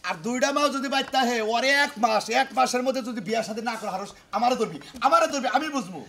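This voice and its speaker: High-pitched, fast-talking scheming man. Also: sharp tone. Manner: scheming, boastful advice-giving. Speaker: uncle giving advice in a skit. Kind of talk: slapstick comedy skit acting. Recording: crowd chatter behind.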